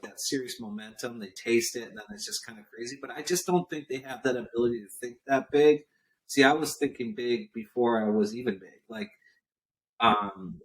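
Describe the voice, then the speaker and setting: Heard through poor audio, a man with a mid-range, fairly bright voice speaks as a podcast guest. He's an entrepreneur in his forties who talks casually yet forcefully, repeating himself for emphasis, with a cough here and there.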